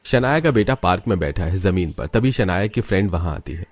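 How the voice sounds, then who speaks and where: A man giving scripted narration for a cartoon story in an even storytelling manner. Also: deep voice, a little fast.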